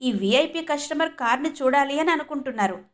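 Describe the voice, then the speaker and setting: A woman's voice: high voice, lively intonation, fairly quick, pitched above the performer's own voice. A woman voicing a snobbish, condescending senior car saleswoman. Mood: mocking. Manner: mocking, condescending.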